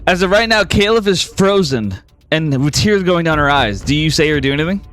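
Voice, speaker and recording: High-voiced male game master. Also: animated, brisk, fairly bright tone. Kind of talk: narrating and running a tabletop game.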